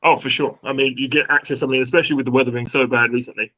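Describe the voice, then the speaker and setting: A fitness trainer chats fast and brightly as a guest on a live stream. His voice comes through muffled and hollow, like he's at the bottom of a well. The call audio is dull and lo-fi. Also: medium pitch, steady tone. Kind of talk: casual chat on a video call. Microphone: video call.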